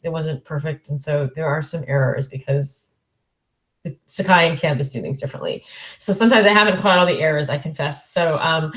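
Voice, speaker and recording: A woman in her forties with a lowish, slightly bright voice gives a recorded online lecture in a roomy-sounding space. She's chatty and full of fillers, correcting herself and laughing lightly between points.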